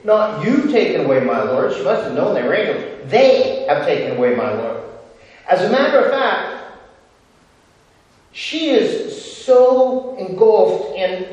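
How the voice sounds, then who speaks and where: A man preaching a sermon as a pastor, swinging from loud, excited passages to very quiet, intimate ones. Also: high-pitched, slow, dull audio. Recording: echoey hall from far off.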